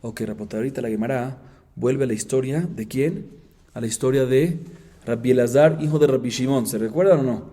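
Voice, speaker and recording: A man teaching a Talmud class as a rabbi, telling the story with lively repetition and questions to his students. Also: medium pitch, brisk. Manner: animated storyteller, asks students rhetorical questions; repeats phrases for emphasis. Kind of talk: Talmud class, reading Aramaic and explaining.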